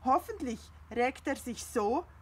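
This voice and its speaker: A woman voicing a grumpy, jealous little male cat who talks in a sulky, whiny, loud way, reading a storybook aloud. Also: sits high, animated, measured pace, breathy edge, pitched above the performer's own voice, exaggerated voice.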